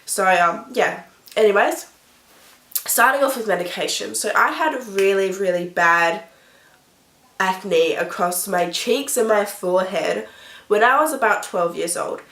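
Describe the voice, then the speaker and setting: A woman's voice: medium pitch, animated, measured pace, a bit bright. A woman vlogger chatting casually to camera while sick with a blocked nose, breathing through her mouth. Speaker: beauty vlogger. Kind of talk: casual talk to camera about personal experience. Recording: echoey, roomy sound.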